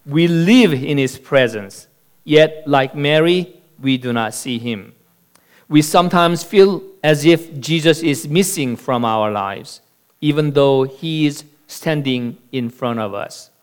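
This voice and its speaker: A man preaching a sermon as pastor, telling a joke in a slow, deliberate storyteller's manner. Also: a little high, clean tone.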